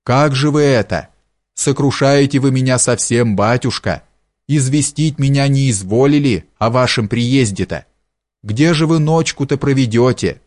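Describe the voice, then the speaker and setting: A man's voice: mid-range voice, measured pace, a little mellow, dry recording, studio quality, close to an everyday voice. A man voicing a tipsy, fawning old male village steward who gushes in a sing-song way. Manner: sing-song, gushing, servile.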